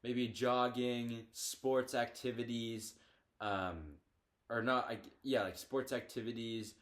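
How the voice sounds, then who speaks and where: A teenage boy co-hosts a podcast in loose, casual chat. He talks with a medium-pitched voice, often stalls on fillers and starts his sentences over as he hunts for words. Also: fairly even intonation, takes it slowly. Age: teens. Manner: hesitant, lots of fillers and restarts. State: hiccups. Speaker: podcast co-host.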